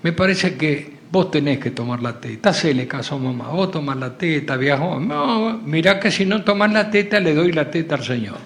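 A man's voice: on the high side, expressive, normal speed, gravelly, hardly any pauses, fairly bright tone. An Argentine man voicing a mother who keeps coaxing her baby son, in an insistent, coaxing way. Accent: Argentine Spanish.

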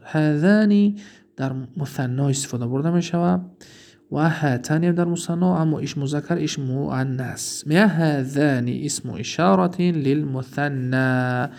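A man with a Tajik accent teaching Arabic grammar in a recorded lesson, reading examples slowly and then explaining them quickly. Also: medium pitch, creaky, dark tone.

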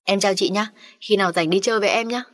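A woman voicing a sweet, cheerful young girl who chats warmly in an audiobook story. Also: medium pitch, fairly even intonation, normal speed, lightly acted. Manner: sweet, chatty.

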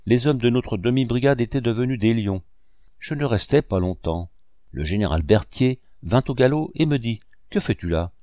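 A man narrating a first-person memoir in a steady, measured way. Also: medium pitch, dry recording, clean studio sound. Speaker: audiobook reader.

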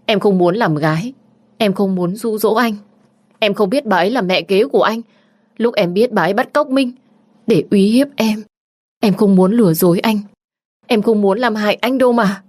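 A woman's voice: mid-range voice, fairly even intonation, moderate pace, a little mellow, pitched above the performer's own voice, natural voice. A woman voicing a young woman heroine who pleads through tears in an audio story. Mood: tearful pleading.

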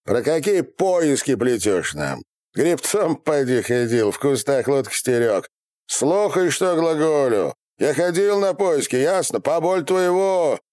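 A man voicing a rude, bullying official who barks questions and shouts in an audiobook. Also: mid-range voice, animated, a little slow, no room sound, studio quality, voice pushed up, lightly acted. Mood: bullying, shouting. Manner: barking, jeering, shouting questions. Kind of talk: audiobook character reading.

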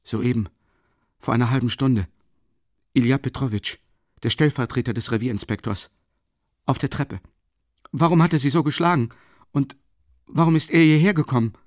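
A man's voice: mid-range voice, moderate pace, long pauses, no echo, clean studio sound, voice pushed up, natural voice. A man voicing a feverish young man in an audiobook, timid and agitated, with a weak voice. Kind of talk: audiobook character voice.

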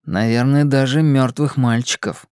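A reader voicing a thoughtful boy who speaks slowly and deliberately. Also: medium pitch, a little mellow, clear, resonant tone, dry recording, clean studio sound, lightly acted. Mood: grave. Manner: slow and measured.

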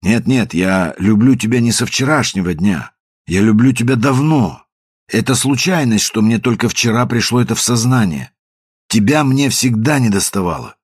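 Чтец в роли измученного страстью мужчины, хрипловатый голос, литературное чтение. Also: male voice, mid-range voice, animated, normal speed, husky. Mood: pleading. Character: feverish man, tormented and obsessed with love.

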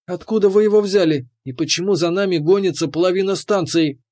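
Brisk female starship pilot, voiced by a male reader: higher, fast, urgent. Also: darkish tone, lightly acted.

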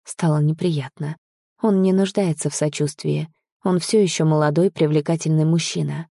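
A woman's voice: sits low, steady tone, normal speed, gravelly, warm tone, no echo, studio quality. A woman narrating a first-person romance audiobook, voicing the heroine with emotion.

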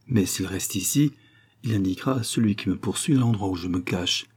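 Guy putting on a cheery old peasant bowman, storybook voice, kinda husky, mellow tone. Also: sits low, a little fast. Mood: musing.

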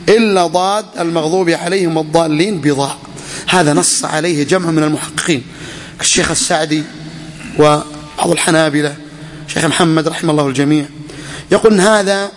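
Fast, high-voiced man teaching in an echoey hall. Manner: questions students and repeats key phrases. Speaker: religious teacher. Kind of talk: classroom lecture on a legal text.

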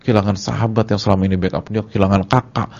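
A male preacher with a low, gravelly, husky voice, talking to his congregation in relaxed everyday slang. He drives each point home by repeating words, jumping up in pitch and dropping back down. The recording sounds dull and lo-fi. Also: racing. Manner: lively, animated, repeats words for emphasis; casual Jakarta slang with a congregation. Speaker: Islamic preacher. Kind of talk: sermon.

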